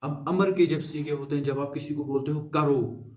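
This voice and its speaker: A man teaching Arabic grammar, coaxing and pleading with his viewers to memorize as he drills verb forms in quick lists. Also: fairly high pitch, fairly even intonation, a little mellow, far from the mic. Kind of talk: classroom-style grammar lesson. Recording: echoey room, voice from away from the mic.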